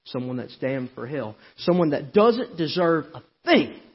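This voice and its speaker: A male preacher giving a sermon, swinging between hollering and a quiet, intimate tone. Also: on the high side, sing-song, unhurried, slightly rough, lo-fi sound. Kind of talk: Southern Baptist-style sermon. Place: church sanctuary.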